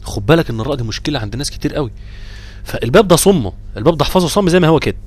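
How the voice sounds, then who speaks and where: A man with an Egyptian accent teaching Quran recitation rules, quizzing students and chanting verses slowly. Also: fairly high pitch, slightly rough. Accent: Egyptian Arabic. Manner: lively, drawn-out chanting of verse examples. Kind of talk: live tajweed lesson.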